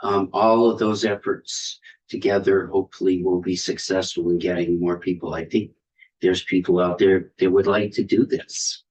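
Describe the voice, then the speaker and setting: A man with a lowish voice chairs a committee hearing. He speaks courteously and pauses often on "um" as he gathers his words. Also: steady tone, a little mellow, low-quality recording. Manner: polite and courteous, with frequent "um" pauses. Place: legislative hearing room.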